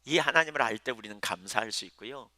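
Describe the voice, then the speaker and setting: A man's voice: medium pitch, expressive, fast, bright, forceful tone, dry recording. A male pastor preaching a sermon in a conversational way, asking his listeners questions, letting his voice swell and then drop almost to a whisper.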